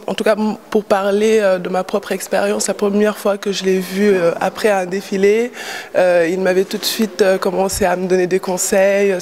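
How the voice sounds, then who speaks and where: A woman's voice: medium pitch, a little mellow. A young woman from Paris, a fashion model, answering interview questions in a hesitant way, with many fillers and repeated words. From Paris, France. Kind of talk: casual interview.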